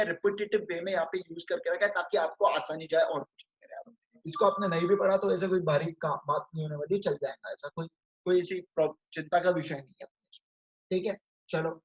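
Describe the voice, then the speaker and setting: A man lecturing with an Indian accent, reading English definitions slowly and explaining them in chatty Hindi full of rhetorical questions, calling his students friends. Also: high voice, muffled recording. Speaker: chartered accountancy lecturer.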